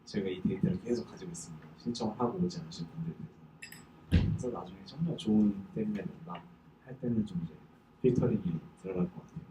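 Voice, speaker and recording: A man with a fairly low voice makes informal announcements as an event host. He is recorded at a distance in a roomy space with clear noise behind him. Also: fast. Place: indoor event venue. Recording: echoey noisy room, distant microphone.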